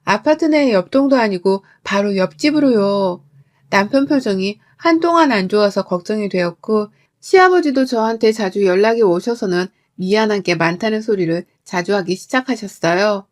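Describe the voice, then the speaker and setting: A woman telling a first-person family story as scripted narration, in an even, reflective tone. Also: medium pitch.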